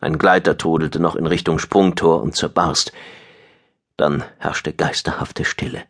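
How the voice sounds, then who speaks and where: A man narrating a sci-fi audiobook in a steady, measured storytelling voice. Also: extremely low pitch. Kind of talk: scripted narration.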